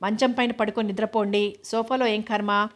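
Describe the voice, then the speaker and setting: Woman reading as a shy young wife in a story, bashful, gently scolding, flat voice. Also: mid-range voice, moderate pace, lightly acted.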